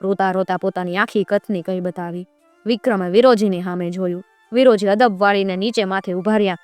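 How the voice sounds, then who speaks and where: A woman's voice: medium pitch, fairly even intonation, a little fast, darkish tone, clear, resonant tone, no room sound, faint music behind. A woman telling a folk tale with drama, acting out the characters' cries and lines.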